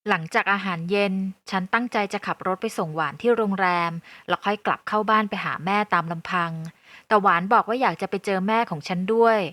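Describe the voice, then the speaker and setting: A woman narrating a first-person audio novel in a calm, even storytelling voice. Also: medium pitch, a little fast.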